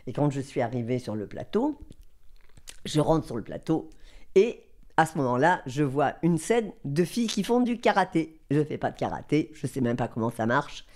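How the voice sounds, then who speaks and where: An older woman from southern France, a guest voice actress telling lively anecdotes and acting out the people she quotes. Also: low-pitched, normal speed. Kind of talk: anecdotal storytelling.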